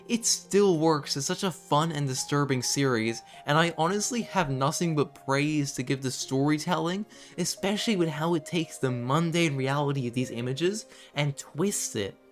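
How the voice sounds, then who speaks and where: A man with a medium-pitched voice reads scripted commentary for a horror series video essay. His measured storytelling is broken up by conversational asides, with background music underneath.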